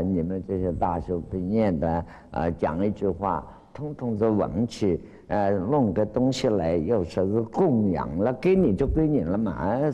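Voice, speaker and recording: A man teaching as a Buddhist lecturer, retelling a Zen story with lively acted-out cries and frequent drawn-out fillers. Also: low-pitched, muffled recording. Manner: animated storytelling, acts out quoted cries. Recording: long hall reverb.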